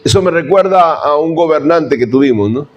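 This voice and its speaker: A man's voice: a little high, expressive, normal speed, lo-fi sound. A man, a pastor preaching a sermon in church. He preaches emphatically, firing rhetorical questions at the congregation and calling them brothers.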